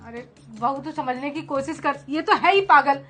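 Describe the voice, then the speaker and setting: A woman's voice: sits high, moderate pace, close to an everyday voice. A woman acting as a mother-in-law who coaxes and pleads with her daughter-in-law. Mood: coaxing. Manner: coaxing and pleading. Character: pleading mother-in-law, anxious to keep family together. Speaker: mother-in-law in a family skit.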